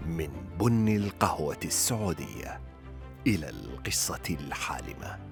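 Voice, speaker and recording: Deep, dramatic male narrator. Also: sing-song, very fast, vocal fry, over music. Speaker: promo narrator. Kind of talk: dramatic scripted broadcast narration.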